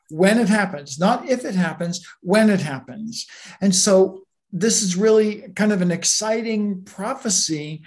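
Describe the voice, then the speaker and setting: Bible teacher, conversational sermon, relaxed, anecdotal, mid-pitched voice. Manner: relaxed, anecdotal, with many asides.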